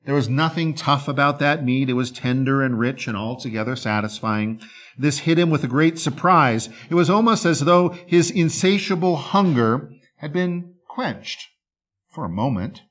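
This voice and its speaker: A man narrating a dark fable with drawn-out dramatic pauses. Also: mid-range voice, lively intonation. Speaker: storyteller.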